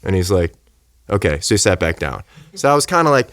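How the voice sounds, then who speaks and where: A man's voice: deep voice, fast, clean tone, dry recording. A man, a physician, tells a story in casual conversation and acts out the quotes in it. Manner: animated, acts out quotes, many restarts. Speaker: physician guest.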